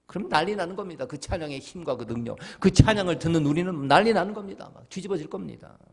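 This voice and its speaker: A middle-aged man, a senior pastor, preaching an early-morning devotional sermon, asking rhetorical questions and answering them himself, his voice swinging between loud and hushed. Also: a little high, animated, fast talker, breathy edge. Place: church sanctuary. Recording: long church reverb.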